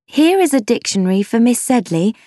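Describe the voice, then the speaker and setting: Woman putting on a jittery spinster sister, pitched high and eager, storybook part. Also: very animated, brisk, mellow, no room sound, clean studio sound. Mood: flustered. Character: nervous timid younger spinster sister.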